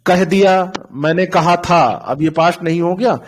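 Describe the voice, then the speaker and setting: Man, high-pitched voice, teacher, online class, patient explanations, repeated examples, call mic. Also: measured pace. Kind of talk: online doubt-clearing class.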